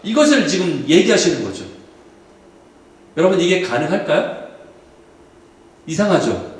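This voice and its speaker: A male pastor preaches a sermon in a high, lively voice that rises and falls as he explains and questions his listeners. He stands well back from the mic, and the church hall around him rings with heavy echo. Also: a little slow. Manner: explanatory, asks the congregation questions. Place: church sanctuary. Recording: echoey hall from far off.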